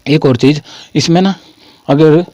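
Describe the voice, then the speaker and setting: A man's voice: fairly high pitch, measured pace, dark tone, dry recording. Chatty teacher man from Haryana. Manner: chatty, repeats phrases, calls listeners "brother". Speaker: English teacher. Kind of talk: classroom-style lesson.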